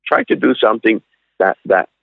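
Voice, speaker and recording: A man in his sixties from Switzerland, a cafe owner telling his story in a halting way with many fillers and restarts, over a phone line. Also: fairly low pitch, vocal fry, husky, no room sound. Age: 60s. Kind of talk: casual interview storytelling. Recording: dry, tinny phone-line sound.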